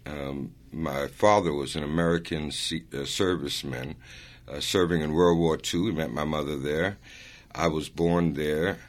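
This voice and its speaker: Older male guest, extremely deep voice, rambling interview storyteller. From born in Italy, raised in New York. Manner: relaxed, rambling, with many "uh" pauses and chuckles. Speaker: guest singer.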